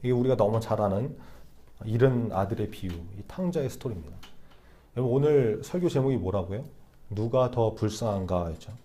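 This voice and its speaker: A man's voice: fairly low pitch, animated, brisk, dark tone. A young man preaching a sermon to a youth group in a conversational way, often checking in with the listeners through rhetorical questions. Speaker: youth pastor.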